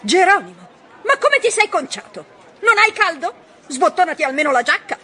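A man's voice: very high-pitched, big pitch swings, moderate pace, pushed and bright, a faint crowd, pitched above the performer's own voice, heavily acted. A man voicing a bossy female mouse editor who fusses and scolds in a storybook reading. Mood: scolding. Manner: scolding, fussing.

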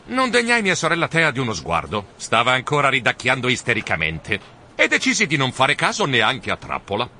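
A man reading a children's storybook aloud in the first person, with animated, expressive delivery. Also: medium pitch, a little fast, slight background noise. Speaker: audiobook narrator.

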